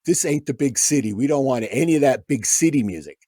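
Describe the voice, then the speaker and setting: With a medium-pitched, slightly rough voice and a slightly quick pace, a guest musician on a podcast tells casual stories, animatedly acting out the people he quotes. No room sound is audible.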